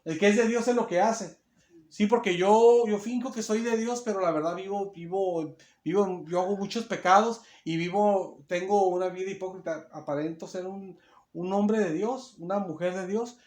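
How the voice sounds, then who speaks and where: A man's voice: sits high, darkish tone. A man preaching a sermon, emphatic and given to restarts, recorded in a church hall. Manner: emphatic, acts out quotes, many restarts. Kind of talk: sermon Bible teaching. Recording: roomy echo.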